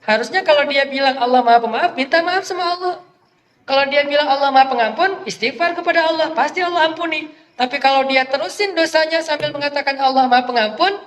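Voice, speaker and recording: A male preacher telling a religious story in a casual, conversational sermon, animated and chatty. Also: extremely high pitch. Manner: conversational, animated retelling with acted quotes. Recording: echoey hall, faint noise.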